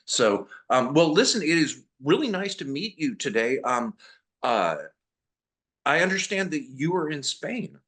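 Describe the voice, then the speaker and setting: A man's voice: fairly high pitch, big pitch swings, measured pace, fairly bright tone. A man hosting an interview, upbeat and chatty, with lots of short replies like "okay". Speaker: host.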